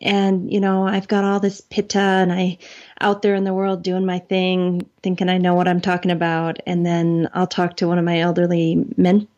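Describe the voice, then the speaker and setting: A woman's voice: lowish voice, completely flat delivery, normal speed, a little mellow, muffled recording. A woman in her forties, a podcast guest, talking in an earnest, thoughtful and chatty way. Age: 40s. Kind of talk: casual conversation.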